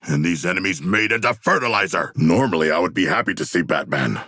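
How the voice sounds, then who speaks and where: A man voicing an erudite, eager humanoid shark warrior for a video game, with gravelly voice and formal, stilted, grandiose diction. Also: low-pitched, expressive, brisk, pushed and bright, no room sound, studio quality, exaggerated voice. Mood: battle-hungry. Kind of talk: video game character voice lines.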